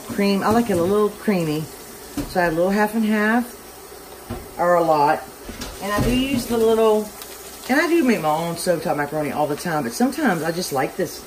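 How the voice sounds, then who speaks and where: A home cooking vlogger with a Southern accent and a medium-pitched voice chats casually while she cooks, rambling and making fun of herself. She's filmed in her home kitchen by an overhead camera above the stove, and a loud fan makes the recording noisy.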